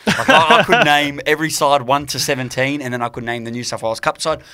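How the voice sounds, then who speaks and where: A man's voice: mid-range voice, fast talker, bright, forceful tone. A man in his late twenties with an Australian accent, chatting casually as a podcast guest and rambling through his stories, often repeating words. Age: 20s. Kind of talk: casual chat.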